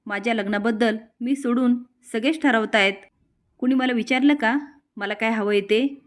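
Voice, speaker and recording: An indignant young man defying his mother, as a woman reads him. His lines are pleading and upset, delivered a little higher and louder than the narration. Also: moderate pace, natural voice.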